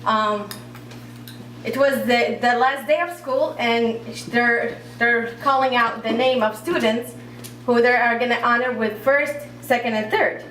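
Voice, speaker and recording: A young woman, a native Arabic speaker who grew up in Iraq, telling her own story on a cafe stage, talkative and halting with lots of fillers. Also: on the high side, fairly even intonation, fairly bright tone. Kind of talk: live personal storytelling. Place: cafe stage at a live event. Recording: roomy cafe, speaker far from mic.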